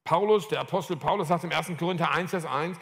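A man's voice: a little high, fast, creaky, a bit bright. A man preaching a sermon, telling a personal story and acting out quoted dialogue, becoming emphatic at times. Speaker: pastor. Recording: long hall reverb.

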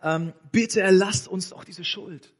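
A man's voice: sits high, slow pace, voice pushed up. A man voicing a desperate debtor who begs a king for mercy, in pleading, partly whispered tones. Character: pleading debt-ridden man begging a king.

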